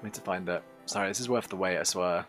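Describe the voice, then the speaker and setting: A man's voice: low voice, quick pace, fairly bright tone, faint music behind. A man hosting a podcast, reading an adventure game book aloud as game master, with hesitant, filler-heavy asides between passages.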